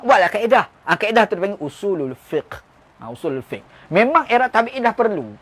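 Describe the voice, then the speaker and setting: A man's voice: sits high, sing-song, a little fast, fairly bright tone. A man with a Malaysian Malay accent giving a religious lecture, explaining with stories and rhetorical questions. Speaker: religious teacher.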